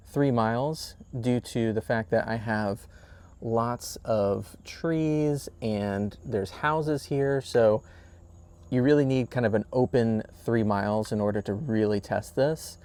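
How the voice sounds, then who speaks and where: A man who sounds middle-aged reviews a product, demonstrating it casually and explaining things plainly. His voice is medium-pitched and a little mellow.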